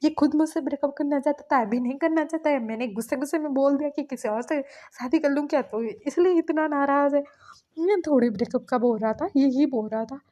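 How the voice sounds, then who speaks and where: A woman's voice: high-pitched, brisk, dark tone, natural voice. A woman reading a story aloud and voicing an exasperated young man who pleads with his partner.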